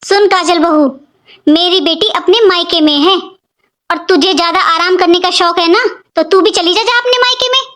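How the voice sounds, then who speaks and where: A performer uses a very high, pushed, bright voice at a moderate pace to play a harsh, bossy middle-aged mother-in-law taunting her daughter-in-law in an animated cartoon story. The tone is scolding.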